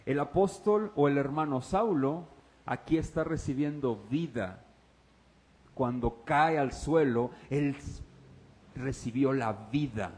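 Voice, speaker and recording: A pastor delivering a sermon, moving between hushed, low passages and raised, excited exclamations while addressing the congregation directly. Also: male voice, slow.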